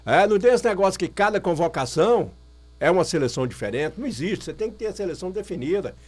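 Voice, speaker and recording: Brazilian guy on a radio show, bit high voice, swings up and down a lot, pushy and repeats stuff. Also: animated, quick pace. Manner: opinionated, emphatic, repeats himself. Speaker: radio guest. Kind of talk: casual radio chat.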